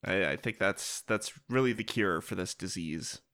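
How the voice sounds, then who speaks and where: A man co-hosting a casual podcast while sick, hoarse as if he has a frog in his throat. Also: low-pitched, moderate pace, bright, forceful tone. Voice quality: gravelly, croaky. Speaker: podcast co-host.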